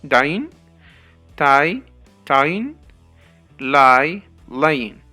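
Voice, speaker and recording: Bright-voiced man teaching English grammar. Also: fairly high pitch, sing-song, faint music behind. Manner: slow, careful explanation, spelling letters out. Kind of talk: grammar lesson.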